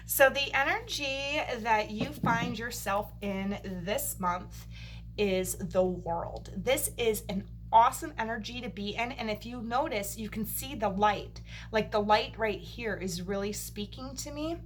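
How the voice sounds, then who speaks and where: A woman giving a monthly tarot reading to camera, her voice a little creaky and tired after a long day, reassuring listeners as she goes. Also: on the high side, slow, a little hiss or hum. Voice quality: slightly creaky. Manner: reassuring, checks in with "okay?". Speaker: tarot reader.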